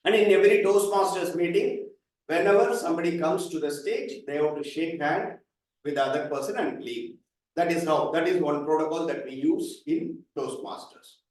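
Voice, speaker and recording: A man's voice: on the high side, moderate pace, darkish tone. A man, presenting a speaking workshop and patiently calling up volunteers. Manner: explains patiently, calls up volunteers. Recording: echoey hall, mic from far off.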